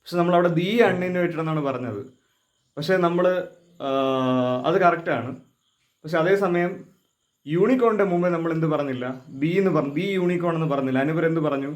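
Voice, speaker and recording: A man with a voice a little higher than most men gives an English lesson. He works through each rule step by step and asks questions as he goes. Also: brisk, pauses often. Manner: explains step by step with repeated questions. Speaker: English teacher. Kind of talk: explaining lesson.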